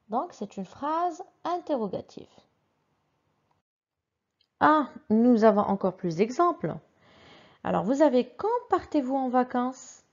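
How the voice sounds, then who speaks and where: A woman teaching a simple grammar lesson, patiently reading each example sentence twice with clearly marked question intonation. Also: a little high, a little mellow, lo-fi sound. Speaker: French teacher.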